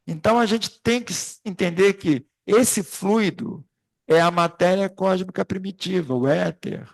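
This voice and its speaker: A man's voice: high voice, unhurried, gravelly. A man leading an informal spiritist study class, rambling through anecdotes and speaking straight to the group. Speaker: class facilitator.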